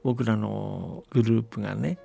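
A man on a radio show, chatting casually and then narrating a folktale in a gentle, unhurried way. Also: on the low side, creaky, soft background music. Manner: gentle, unhurried conversational telling.

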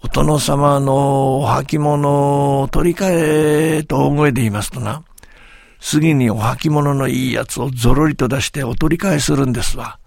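A man's voice: mid-range voice, steady tone, measured pace, vocal fry, darkish tone, no echo, studio quality. A man voicing a sly, boastful village tall-tale teller who speaks with humble, servile politeness. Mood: storytelling.

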